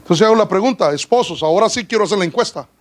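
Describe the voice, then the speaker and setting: High-voiced man preaching a sermon. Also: lively intonation, very fast, rough recording. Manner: preaching with questions to the congregation; addresses listeners as brother. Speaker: pastor. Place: church.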